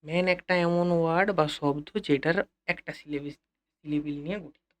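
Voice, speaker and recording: Man, Bengali accent, English teacher, slightly high voice, repeats phrases, talks straight to students. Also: fairly even intonation, a bit bright. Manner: repeats key phrases slowly, addresses students directly. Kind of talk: classroom-style lesson explanation.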